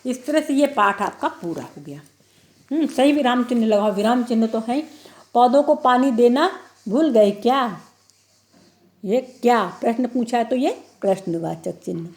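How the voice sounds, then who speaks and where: A woman's voice: a little high, expressive, moderate pace, a little mellow. A woman teacher giving an online class lesson, explaining step by step and repeating each answer.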